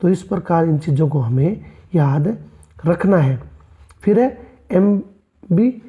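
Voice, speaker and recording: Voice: medium pitch, lively intonation, slow pace, phone-quality sound. A literature teacher giving an exam-prep lecture, asking rhetorical questions and answering them, addressing the students as friends and mixing in English terms. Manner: mixes English terms into explanations.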